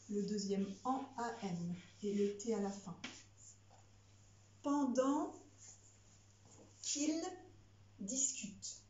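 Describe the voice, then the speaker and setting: A woman teacher dictating to a child word by word, spelling out words, pausing and explaining as she goes. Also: medium pitch, warm tone, slight background noise. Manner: instructive, addressing one pupil directly. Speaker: primary school teacher. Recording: echoey room, slightly muffled sound.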